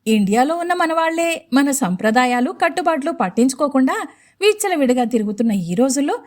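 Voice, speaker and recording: A woman voicing an older male family priest, devout and kindly, who speaks softly in a Telugu audio story. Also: high voice, very animated, a little fast. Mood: admiring.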